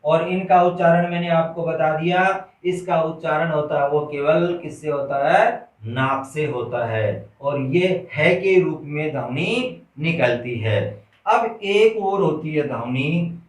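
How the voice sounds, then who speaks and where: Male schoolteacher, slightly high voice, slow drilling delivery, echoey far-off recording. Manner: slow, repetitive question-and-answer drilling, addresses children as "beta". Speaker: Hindi teacher. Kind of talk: classroom grammar lesson. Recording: roomy echo, distant mic.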